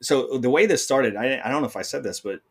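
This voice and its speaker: A middle-aged man telling his story as a guest in a casual conversation, talking rapidly with many restarts. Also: mid-range voice, husky.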